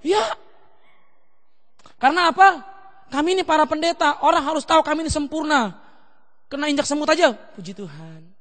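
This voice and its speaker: A man pastor preaching a seminar sermon in a lively way, acting out children and parents in quick little voices. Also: very high voice, big-room sound.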